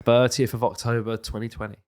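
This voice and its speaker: A man's voice: medium pitch, flat delivery, fairly quick, darkish tone. A man with a British accent casually hosting a quiz among friends on a podcast.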